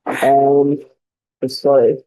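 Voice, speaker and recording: His delivery is completely flat, with drawn-out words, a dark tone and a mid-range pitch, and the audio is poor. He's a young Brazilian guest researcher with a Brazilian Portuguese accent, answering interview questions conversationally from home on a remote call, full of fillers and restarts.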